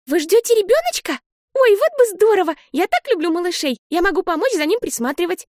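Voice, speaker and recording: A woman voicing an excitable, lively little girl who talks in an eager, high, bright way. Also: brisk, dry recording, clean studio sound. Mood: excited.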